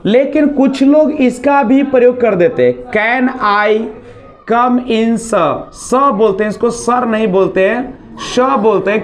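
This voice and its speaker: A man teaching a spoken English class, explaining slowly and repeating words as pronunciation drills. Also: very high voice. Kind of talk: classroom lesson in Hindi and English.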